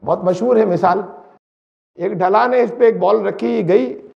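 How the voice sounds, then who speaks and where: A man's voice: high-pitched, creaky. A man giving a religious lecture who recites Arabic verses and explains them, asking his listeners questions as he goes. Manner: recites Arabic verses, then explains them in Urdu with English words mixed in; animated, asks the listeners questions. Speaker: Islamic preacher. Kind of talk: religious lecture on Quran translation. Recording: dull lo-fi recording.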